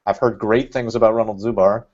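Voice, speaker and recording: A man's voice: on the low side, fairly even intonation, fairly quick, darkish tone. A man talking as a podcast guest in casual chat, rambling and thinking aloud with lots of fillers. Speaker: guest, Red Bulls fan. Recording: dull lo-fi sound.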